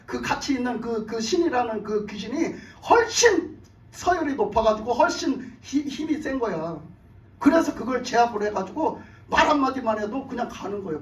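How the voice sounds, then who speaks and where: A man pastor preaching a sermon, telling stories animatedly and firing off rhetorical questions to his congregation in a church. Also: very high voice. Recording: echoey church from far off.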